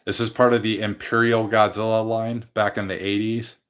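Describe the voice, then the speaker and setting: Low-voiced man chatting to stream viewers. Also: little pitch movement, moderate pace, a bit bright, smooth. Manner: rambling, self-correcting. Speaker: livestream host. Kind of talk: casual chat with live viewers. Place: home game room.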